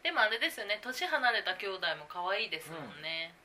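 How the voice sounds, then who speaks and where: A woman joins the chat with easy, laughing asides. Her voice is bright and her pitch moves around a lot, with faint noise in the background. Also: very animated, a little fast. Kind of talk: casual chat.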